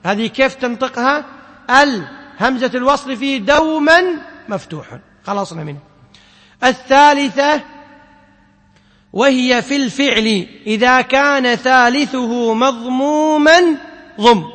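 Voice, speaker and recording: A man's voice: high voice, fairly bright tone, big-room sound. A man, a sheikh, giving a classroom lesson: he chants the verses of a poem, then explains them while putting questions to his students. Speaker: sheikh teaching Quran sciences.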